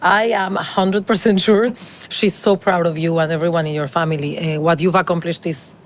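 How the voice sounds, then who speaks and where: A woman's voice: on the low side, steady tone, normal speed, a little hiss or hum. A woman co-hosting a podcast, asking casual, encouraging interview questions. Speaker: podcast co-host.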